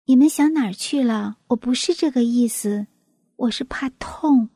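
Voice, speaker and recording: A woman voicing a gentle, brave young female flower in a storybook tale, speaking earnestly. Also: fairly high pitch, normal speed, breathy edge, dry recording, studio quality. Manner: earnest, pleading.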